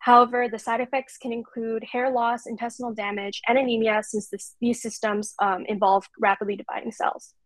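A young woman in her twenties presents slides over a video call, reading her notes in a steady, even way. Her voice sits a little high and sounds close and dry, with no room around it. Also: a little fast, hardly any pauses, no echo. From California. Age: 20s. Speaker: intern presenter.

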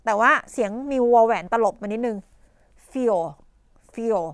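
High-pitched Thai woman tutoring, coughing. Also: flat delivery, fast talker, dry recording, studio quality. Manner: explains idioms with many "นะคะ" fillers and rhetorical questions; coughs and clears her throat often. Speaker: English teacher. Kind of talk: televised tutoring lesson.

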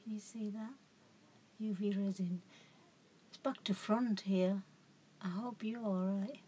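Chatty woman rambling slowly at home. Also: medium pitch, fairly even intonation, dark tone, slightly rough. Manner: rambling, chatty, self-correcting. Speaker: craft vlogger. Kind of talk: casual show-and-tell chat.

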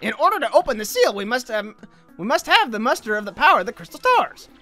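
A woman's voice: fairly high pitch, big pitch swings, fast, sharp tone, soft background music, pitched above the performer's own voice. Woman reading as an eccentric professor. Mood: lecturing. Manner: reads game dialogue aloud, stumbling over words. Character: eccentric male scientist professor.

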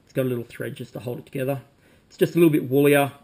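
A man, calmly demonstrating fly tying at a desk at home, talking while he works with frequent ums. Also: mid-range voice, racing. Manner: relaxed, talks while working, frequent ums. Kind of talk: casual demonstration. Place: home room with bookshelves, indoors.

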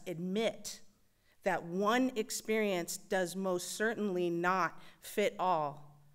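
A woman serving as worship associate, giving a thoughtful, measured personal reflection with touches of wry humor in a church service. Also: medium pitch, clean tone. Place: church sanctuary.

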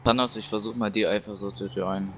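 A laid-back man chatting with friends during an online game, his voice on the low side. He speaks plainly into a headset, with a faint hiss underneath. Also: steady tone, fast talker. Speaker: player in the group. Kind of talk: casual gaming voice chat.

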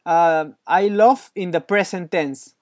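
A man's voice: high voice, takes it slowly, a little mellow, dry recording. A man tutoring Spanish one-on-one, patient and encouraging, praising often, with slightly non-native English phrasing. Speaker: Spanish teacher.

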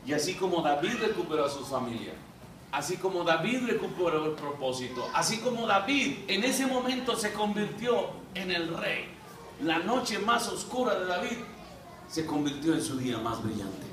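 A man with a high, animated voice preaches a sermon at a moderate pace, telling it dramatically, acting out quotes, and calling for amens. The background is noisy, and the mic is at a distance in an echoey hall.

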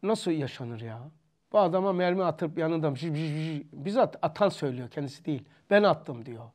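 A man with a Turkish accent teaching a religious lesson, emphatic and loud when preaching and softer when telling stories. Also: a little high, lively intonation, brisk.

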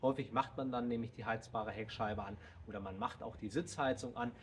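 Guy in his 30s doing a diy car video outside in the driveway, mid-pitch voice, calm explainer, little bit of outdoor ambience. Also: fairly quick, a little hiss or hum. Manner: steady, explanatory, addresses viewers directly. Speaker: DIY car channel host. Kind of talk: casual how-to explanation.

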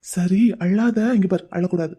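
A woman's voice: lowish voice, fairly even intonation, normal speed, dark tone, husky. A woman voicing a caring, playful young man in a cartoon, coaxing and teasing his crying older sister in a chatty way. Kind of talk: Tamil cartoon voice acting.

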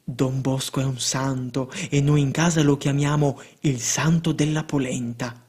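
A man's voice: mid-range voice, fairly even intonation, unhurried, a little mellow, slightly rough. A man reading the lines of a grateful poor working father, telling his story eagerly. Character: grateful poor male laborer, father of five.

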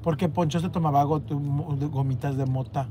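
A woman with a Mexican accent hosts a casual livestream from a moving vehicle, reading comments aloud in a teasing, crude way and quoting others in a raised voice. Her voice is deep with a steady tone and a moderate pace, over a noisy background.

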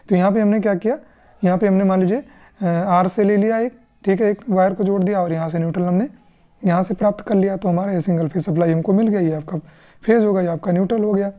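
On dull-sounding audio, a woman with an Indian accent explains electrician exam questions at a quick pace, her medium-pitched voice dark. She teaches step by step in question-and-answer form, often tossing in brief tag questions.

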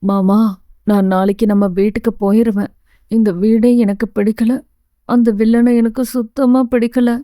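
A feisty young heroine who scolds and whines in turn, voiced by a woman narrator. Her voice is mellow rather than bright. It is recorded close and dry. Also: fairly high pitch, level tone, moderate pace, no echo, lightly acted. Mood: sulky. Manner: sharp-tongued, teasing, whiny.

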